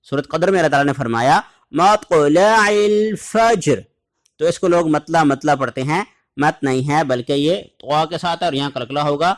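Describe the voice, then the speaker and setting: Man, from Pakistan, Quran tajweed teacher, slightly high voice, slow deliberate syllable drills. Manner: slow, deliberate repetition of syllables, chanted recitation examples. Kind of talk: tajweed lesson, drilling letter sounds.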